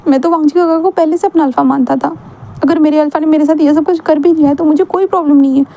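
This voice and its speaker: A woman's voice: sits high, fairly even intonation, fast talker, mellow, pitched above the performer's own voice. A woman voicing an earnest young man who stammers out anxious, pleading questions.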